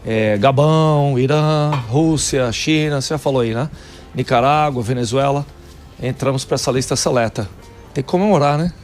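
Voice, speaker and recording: A man from São Paulo, Brazil, is a guest on a radio talk show, where he serves as a city council member in Texas. His mid-range, slightly mellow voice moves at a normal speed over soft background music as he explains and lists facts, using lots of fillers.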